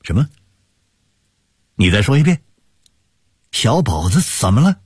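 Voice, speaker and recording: A man's voice: medium pitch, very animated, unhurried, darkish tone, slightly rough, dry recording, studio quality, pitched above the performer's own voice, full character voice. A man doing a hearty returning elder. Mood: urgent. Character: middle-aged man returning home, brisk, later stunned.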